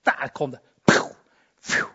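A man preaching a charismatic sermon, swinging from loud exclamations to soft murmurs and bursts of shouting. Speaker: pastor. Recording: dull lo-fi sound.

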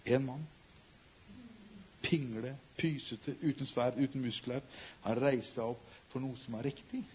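A man preaching and retelling a story, swinging from loud emphatic cries to hushed, quiet tones. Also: mid-range voice, steady tone, slight background noise. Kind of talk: sermon storytelling. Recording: tinny phone-like sound.

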